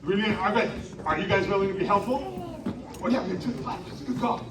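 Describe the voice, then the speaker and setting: A man performing a live interactive story show at a winter carnival, coaxing the audience into shouted call-and-response. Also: high-pitched, quick pace. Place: outdoor winter carnival stage. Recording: echoey, distant live recording with crowd.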